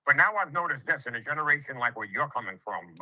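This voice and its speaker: A brash, streetwise man talks shop as a contractor. His voice is very bright and forceful, and he lectures with swearing and acted-out quotes. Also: mid-range voice, lively intonation, quick pace, low-quality recording. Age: 50s. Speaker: home improvement contractor. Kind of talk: casual sales conversation.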